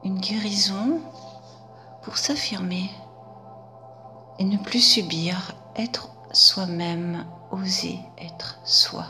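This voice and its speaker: Slow half-whispering woman hypnotist. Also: medium pitch, faint music behind. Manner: soft, half-whispered, drawn out. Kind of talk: guided hypnosis session.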